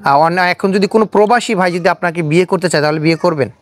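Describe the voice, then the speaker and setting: In a casual street interview filmed on camera, the Bangladeshi-accented host keeps a quick pace in a mid-range voice. He presses for more by repeating what he hears as a question, and the recording has no room sound.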